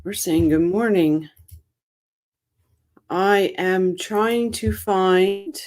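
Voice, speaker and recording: A woman's voice: mid-range voice, fairly even intonation, extremely slow, darkish tone. A woman hosting a casual livestream, greeting chat viewers by name with a tired morning voice. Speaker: livestream host.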